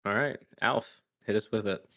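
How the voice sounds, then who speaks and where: A man's voice: lowish voice, normal speed, bright, forceful tone. Easygoing male podcast host. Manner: easygoing, prompts others. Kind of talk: casual chat.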